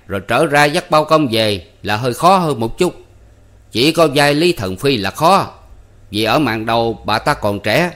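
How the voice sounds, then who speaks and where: A man's voice: mid-range voice, a bit bright, voice pushed up, lightly acted. A man voicing an old male theatre troupe manager who is jovial and commanding, with a theatrical, declaiming way of talking. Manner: theatrical, bellowing stage declamation.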